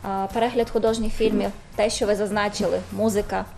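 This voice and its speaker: Quick, formal woman lecturer. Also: mid-range voice, flat delivery, vocal fry, a little mellow, soft background music. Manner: measured, formal, with hesitations. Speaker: language lecturer. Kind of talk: studio interview.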